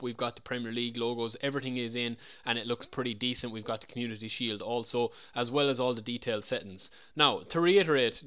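Over a screen-recorded game modding tutorial, a man chats casually, wandering a bit and repeating himself. His voice is medium in pitch and slightly bright.

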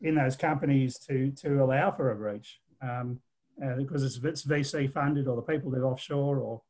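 Mellow middle-aged man giving advice. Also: medium pitch, moderate pace. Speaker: cybersecurity consultant. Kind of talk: webinar panel discussion. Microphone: video call.

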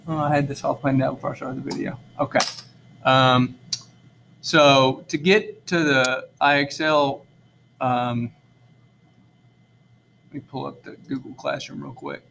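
A man's voice: medium pitch, vocal fry, fairly bright tone, a little hiss or hum. A male teacher, talking through a screen-recorded classroom lesson in a casual, rambling way with many fillers and self-corrections.

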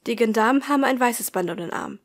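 A woman reading an audiobook, voicing an excited, breathless teenage girl who is bossy and cheerful. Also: fairly high pitch, fast talker. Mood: eager. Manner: loud and eager.

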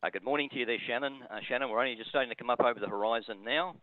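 A man's voice: mid-range voice, rapid-fire. A man working as an amateur radio operator, calling with formal repeated call signs and passing the turn along. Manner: formal, repetitive call-sign procedure. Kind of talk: ham radio calling and relaying. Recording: very noisy narrow phone-like radio line.

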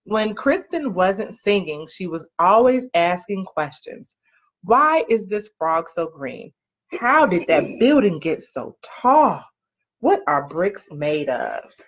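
This woman's low-leaning voice has a slow, sing-song lilt as she reads a children's storybook aloud like a parent, drawing out important words and prompting the kids with questions. She sits on a couch in a small living room. The sound is muffled, lo-fi webcam audio from a laptop or webcam mic about an arm's length away.

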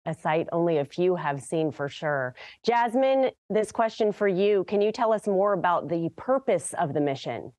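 A woman's voice: fairly low pitch, expressive, moderate pace, hardly any pauses, a little mellow, no room sound. An American woman presenting and interviewing in a morning television news style.

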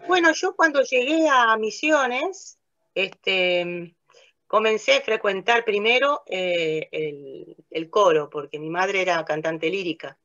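With a medium-pitched, pushed and bright voice and lively intonation, an older Italian woman takes her time recounting memories in a casual interview, hesitant, full of fillers and restarts, and often laughing. She works as a theatre narrator and director. The muffled recording comes from a video call, webcam facing her, in a small room with a plain light wall.

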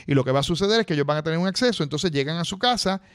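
A man's voice: a little high, lively intonation, very fast, clear, resonant tone. A man presenting a radio technology segment, talking chattily and straight to the listeners. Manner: chatty, addresses listeners directly.

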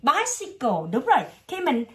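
A woman with a Southern Vietnamese accent tutoring English vocabulary one-on-one, patiently drawing words out slowly and repeating them. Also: high voice, wildly swooping pitch, fairly bright tone.

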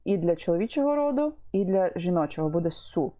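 A woman teaching an online language lesson, explaining patiently, repeating words and pausing with fillers. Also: on the low side, expressive, dark tone.

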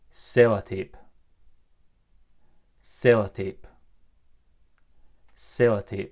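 A man from Britain, a native English speaker, teaching vocabulary in Japanese and repeating each word three times. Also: fairly low pitch.

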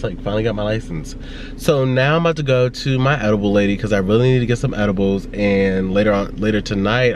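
A young male vlogger talks in a loose, rambling way, piling up asides and "like" as he tells stories. His voice sits on the low side. He is recorded on a handheld phone with a faint background hum. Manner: rambling, chatty storytelling with frequent "like". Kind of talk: casual vlog chat. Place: in his car, then at home.

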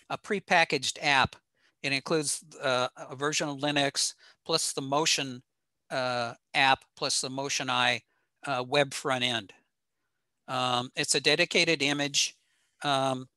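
Speaking over a video call from a room in his home, this man presents technical slides casually and states things plainly. His voice sits at a medium pitch and comes across bright and forceful, with no echo.

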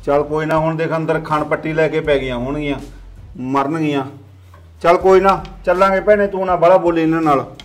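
A middle-aged man, playing a gruff, dismissive father in a family drama series. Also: on the high side, steady tone, fairly quick, soft background music, natural voice. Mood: grumbling. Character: harsh controlling village father. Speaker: father of the household.

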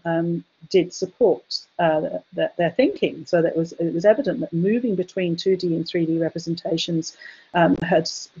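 A woman giving an academic chemistry education webinar, talking hesitantly with many fillers and restarts, her voice going hoarse. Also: lowish voice, a little mellow. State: losing her voice, coughing. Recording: dull lo-fi webinar audio.

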